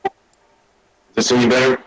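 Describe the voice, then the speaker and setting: A man's voice: mid-range voice, level tone, normal speed. A man chatting casually as a player in an online tabletop game, his voice breaking up and glitching over a choppy voice call. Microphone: desk mic over an online voice call.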